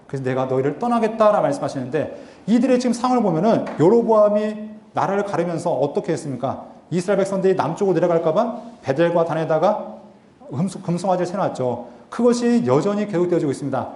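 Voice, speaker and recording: High-voiced Korean man lecturing in an echoey hall. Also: lively intonation, fast, a little mellow. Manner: earnest, asks and answers his own rhetorical questions. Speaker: Bible seminar lecturer. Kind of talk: Bible lecture. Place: lecture hall at a theological university.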